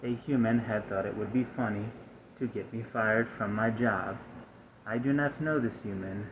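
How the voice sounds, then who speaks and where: Lightly acted in a lowish voice, a man's stiff, aggrieved robot character malfunctions through a soft-spoken ASMR roleplay, its phrasing formal, halting and over-precise. The highs are cut off, and there is background noise.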